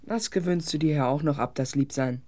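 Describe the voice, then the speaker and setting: A woman's voice: low-pitched, fairly quick, mellow, close to an everyday voice. A woman voicing a sullen, gloomy boy. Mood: glum. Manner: sulky and cheeky.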